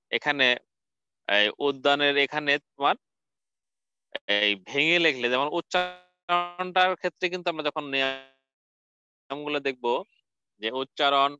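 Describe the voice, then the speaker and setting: A man's voice: mid-range voice, pushed and bright, clear, resonant tone, no echo. A man teaching a recorded college lecture, spelling out words letter by letter and asking and answering his own questions. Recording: dull lo-fi dry recording.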